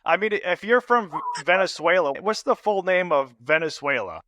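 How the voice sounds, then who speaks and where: A man's voice: high-pitched, expressive, normal speed, sharp tone, no echo. An American man hosting a podcast, chatting casually and arguing his points with lots of "like.". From United States. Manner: casual, argumentative, says "like" often. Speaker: podcast host. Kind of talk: casual interview chat.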